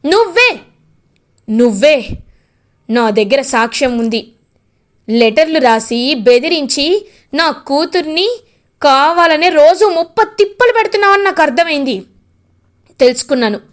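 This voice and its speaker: A woman voicing a fierce, domineering mother-in-law who shouts threats and scolds harshly in a retold TV serial. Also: high-pitched, moderate pace, pauses often, close to an everyday voice. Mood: raging.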